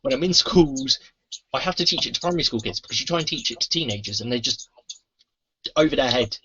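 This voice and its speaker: A man's voice: mid-range voice, lively intonation, fast talker, background noise. A man talking earnestly about resilience training, acting out quoted lines in a casual interview. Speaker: anti-bullying trainer, podcast host. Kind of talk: casual convention interview chat. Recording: muffled lo-fi convention recording.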